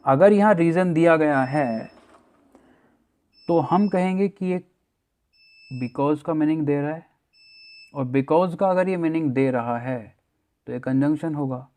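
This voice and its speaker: Hindi-speaking male teacher, rather high voice. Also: mellow. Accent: Indian English words in Hindi speech. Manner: explains step by step, asks the class rhetorical questions. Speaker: English teacher. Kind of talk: classroom grammar lecture.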